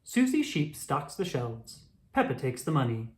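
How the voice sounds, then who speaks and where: A narrator reading a children's storybook aloud in a deliberate way for young listeners. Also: mid-range voice, big pitch swings. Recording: roomy echo.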